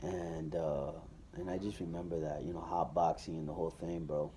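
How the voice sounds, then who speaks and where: A man with a low voice gives a personal testimony. His tone is dark and mellow. He talks loosely and casually, with many fillers and restarts. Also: level tone, moderate pace, slight background noise.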